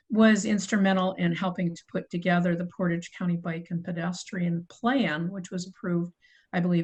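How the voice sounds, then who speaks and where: A woman's voice: lowish voice, darkish tone, low-quality recording. Woman running a city committee meeting on a video call, reads the agenda, keeps fixing her own slips. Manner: procedural, apologetic, self-correcting. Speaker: committee chair. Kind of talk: formal meeting chairing.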